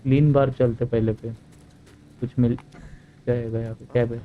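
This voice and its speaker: Very fast-talking Indian man gaming. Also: mid-range voice, little pitch movement, narrow, tinny audio, slight background noise. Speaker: gamer. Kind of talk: casual gameplay commentary.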